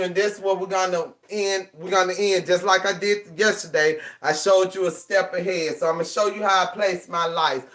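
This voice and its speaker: A man's voice: sits high, bright, forceful tone. A man with a Southern US country accent and a rural drawl, hosting a casual live craft tutorial and repeating key instructions emphatically. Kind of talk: casual livestream craft demonstration.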